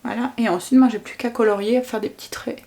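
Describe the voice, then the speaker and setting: She talks fast in a steady, mellow voice on the high side, with some vocal fry. As a mother and vlogger doing a casual makeup tutorial, she narrates each step with small interjections and keeps correcting herself, trailing off and restarting often.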